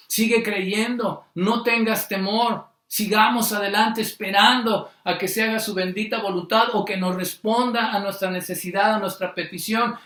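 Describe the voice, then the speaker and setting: A man preaching a sermon, repeating phrases and slowing down on the key words for emphasis. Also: high voice, fairly bright tone, roomy sound.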